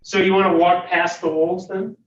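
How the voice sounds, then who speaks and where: A man's voice: high voice, little pitch movement, normal speed, a bit bright, slight background noise. A man narrating as game master of a tabletop game, hesitant and full of fillers. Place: room at a livestreamed faculty game. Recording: roomy, distant, dull recording.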